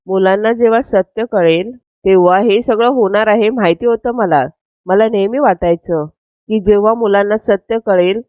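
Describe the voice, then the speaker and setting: A woman voicing a grieving middle-aged head of the household who speaks with slow remorse, in a dull, dry, lo-fi recording. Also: medium pitch, dry recording, lightly acted.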